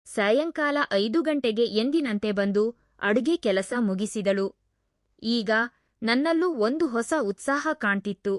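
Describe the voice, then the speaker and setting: A woman tells a first-person story in a calm, measured manner. Her voice sits a little high for a woman. It is recorded close and dry, with no echo around it.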